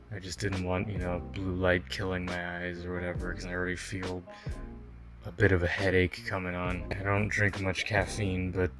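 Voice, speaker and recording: A man hosting a late-night reaction video, talking in a hushed, mock-seductive narrator voice with blunt, sardonic remarks. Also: low-pitched.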